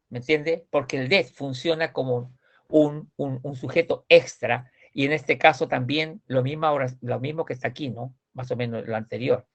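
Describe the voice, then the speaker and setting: A man with a gravelly, creaky voice explains grammar in a class. He talks patiently, repeats words and keeps checking that his students follow. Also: fairly high pitch. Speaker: Swedish teacher.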